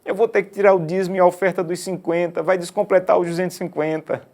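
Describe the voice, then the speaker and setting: A man preacher voicing a young boy who is excited and then tearful over his savings, in a high, childish whine. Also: fast.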